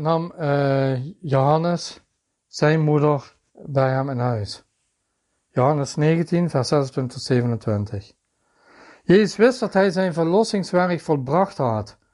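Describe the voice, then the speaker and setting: A man's voice: fairly high pitch, darkish tone. A man preaching a sermon in an earnest manner, reading scripture passages aloud and naming their verses.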